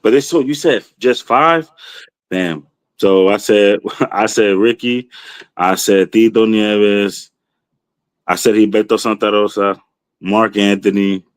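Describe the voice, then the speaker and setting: A man with a somewhat low voice talks with steady enthusiasm, leaning on casual fillers. The sound is dry and close, with no room around it. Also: slow, no room sound. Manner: enthusiastic, fills with "you know what I mean". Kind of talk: casual chat.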